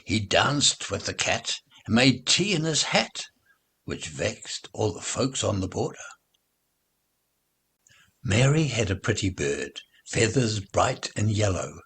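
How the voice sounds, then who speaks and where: A man with a fairly low voice and a breathy edge recites nursery rhymes aloud for children. His reading is expressive, deliberate and sing-song.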